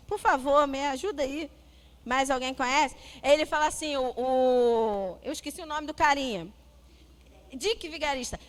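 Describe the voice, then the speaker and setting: A middle-aged Brazilian woman, a psychologist, giving a lively church talk on parenting and acting out family dialogue as she tells stories. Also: high voice. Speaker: guest speaker, psychologist.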